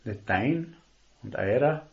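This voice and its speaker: A man preaching a sermon, earnest and emphatic, slowing down to stress key words. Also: medium pitch, animated, vocal fry. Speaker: lay preacher. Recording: dull lo-fi recording.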